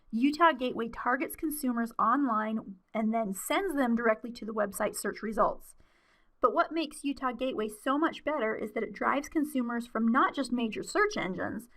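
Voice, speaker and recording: A woman with a slightly high voice presents a webinar in a casual, conversational way. She talks to her listeners in a friendly tone, filling gaps with small fillers. Her voice is wearing thin. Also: a bit bright. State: losing her voice.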